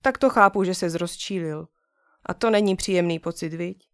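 A woman reading aloud and voicing a gentle, patient father who calmly comforts his upset son in a children's story. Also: on the low side, clear, resonant tone, no echo, studio quality, pitched below the performer's own voice, natural voice. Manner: calm, soothing, kindly questioning.

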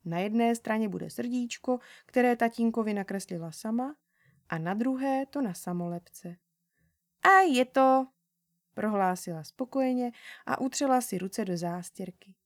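Woman gently narrating a children's story. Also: medium pitch, dry recording, studio quality.

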